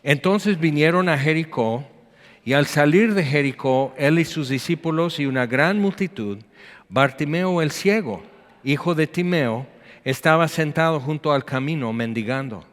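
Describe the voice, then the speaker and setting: A pastor preaches a chatty sermon, reading scripture and breaking into acted quotes. His fairly high voice is animated and a little slow, carried by long hall reverb.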